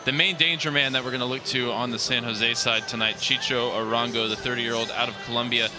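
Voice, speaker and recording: A man calling a soccer match as the radio play-by-play announcer, delivering lineups and statistics in a brisk, polished way from a stadium booth. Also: mid-range voice, steady tone, music in the background. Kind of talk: radio sports broadcast.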